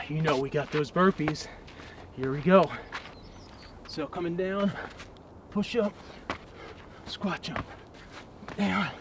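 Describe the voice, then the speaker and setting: High-pitched male aerobics instructor calling cues. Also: gravelly, slight background noise. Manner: energetic, motivating, clipped commands. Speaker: fitness instructor. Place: outdoors in a national park.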